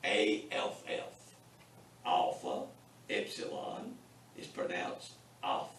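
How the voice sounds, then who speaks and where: A Bible college Greek teacher leads a beginners' class, drilling sounds slowly and deliberately with heavy repetition and a wry, teasing humor toward his students. His voice is a bit bright. Taped from afar on a room mic, the echoey classroom carries slight background noise.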